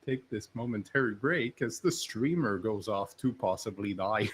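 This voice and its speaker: A man's voice: fairly low pitch, expressive, normal speed, breathy edge. A man making dry, joking asides as co-host on a live stream. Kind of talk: casual live-stream chat.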